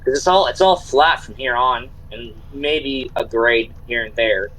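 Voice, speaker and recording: A man's voice: mid-range voice, unhurried, a bit bright, rough recording. A man with a Southern US accent talking casually while he plays a train game, thinking aloud as he works through each step. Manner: thinking aloud, narrating his own moves. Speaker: streamer running a freight train. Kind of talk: casual gameplay chat.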